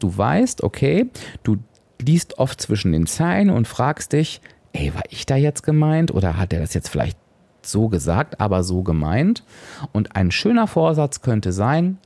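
A man's voice: medium pitch, gravelly, mellow, dry recording. A man hosting a solo podcast as a coach, speaking straight to the listener and often adding tag questions.

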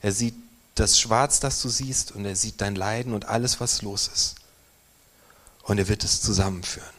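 A pastor preaches a sermon in church, his voice on the low side and at a normal speed. He moves between strong, emphatic stresses and quiet lines that are nearly whispered.

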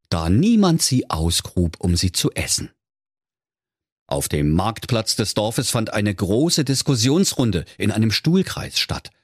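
A man narrating a comic fairy tale in a playful, lively way. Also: on the low side, husky, no echo, clean studio sound. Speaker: storyteller.

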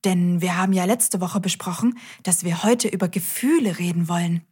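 A woman's voice: on the low side, normal speed, darkish tone, husky. A woman hosting a scripted children's audio show, cheerfully talking straight to the kids.

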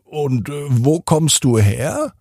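A man voicing a curious, easily startled little boy in a bedtime story, asking high, wondering questions. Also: big pitch swings, slow, mellow, no room sound, studio quality, exaggerated voice.

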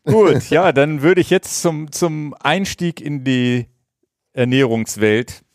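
A man's voice: fairly high pitch, takes it slowly, no room sound, clean studio sound. Casual male podcast co-host. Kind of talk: podcast interview.

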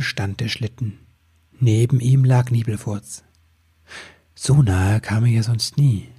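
A man narrating a children's Christmas tale in a calm, expressive storyteller's manner. His middle-pitched voice is strikingly husky and breathy throughout.

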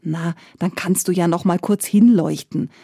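A woman voicing the Darkness as a gentle female spirit, soft and half-whispered, soothing and tender. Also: medium pitch, lively intonation, normal speed, slightly rough, dry recording, clean studio sound.

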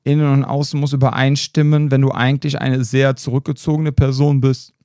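A man's voice: mid-range voice, little pitch movement, a little fast, a little mellow, no room sound, clean studio sound. A man co-hosting a podcast, chatting casually and rambling through colorful analogies as a self-defense trainer.

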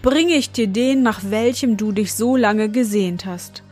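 Imperious storybook sultan, bossy and proud, read by a woman, mellow dark tone. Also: fairly high pitch, measured pace, faint music behind. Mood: commanding. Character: stern commanding old sultan, male.

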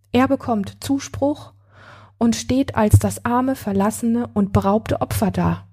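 A wounded, bitter woman confiding about her ex-partner, as a woman reads her out in a spoken story. She talks slowly and broods, her voice soft, breathy and mellow. Her bitterness comes through in blunt curses. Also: medium pitch. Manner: brooding, then bitter and cursing. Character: hurt, angry woman betrayed by her ex-partner. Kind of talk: read-aloud story.

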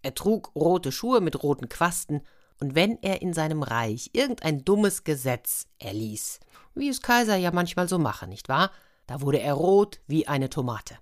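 A woman's voice: low voice, big pitch swings, measured pace. A woman reading a fairy tale aloud in a chatty way, with asides to her listeners. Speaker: storyteller.

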